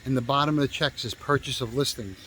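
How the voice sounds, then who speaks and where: A man's voice: mid-range voice, fast, sharp tone, slight background noise, low-quality recording. A male real estate agent telling a story in a casual, rambling way, swearing freely and stopping often to restart with fillers.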